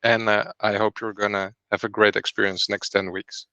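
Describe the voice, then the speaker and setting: A man who founded a startup company hosts an online program presentation on a video call, explaining each step clearly as he goes. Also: lowish voice, flat delivery, moderate pace, pushed and bright, dry recording, highs cut off.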